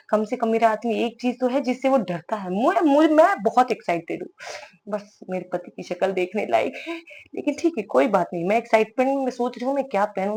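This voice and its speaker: A woman's voice: fairly high pitch, a little mellow. Playful, self-mocking woman vlogger. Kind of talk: chatty voice-over vlog.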